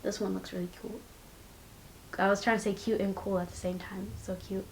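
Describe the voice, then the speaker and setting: A woman's voice: mid-range voice, level tone, brisk, echoey room, rough recording. A young woman vlogging casually at home, chatty and rambling, with giggly asides, recorded on a compact camera's built-in mic. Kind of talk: casual chat. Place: indoors at home, her room.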